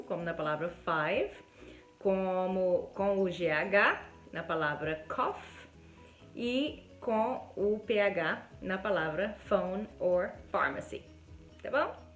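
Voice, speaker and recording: A Brazilian woman with a Brazilian Portuguese accent, giving a casual video lesson as an English teacher. She deliberately exaggerates sounds to demonstrate them and keeps checking in with her viewers. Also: medium pitch. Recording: roomy echo with faint background music.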